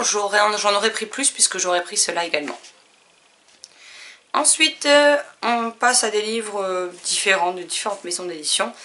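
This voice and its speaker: A woman casually listing her new books, chatty and relaxed, with frequent fillers. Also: mid-range voice. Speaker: book vlogger. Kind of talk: casual book haul chat.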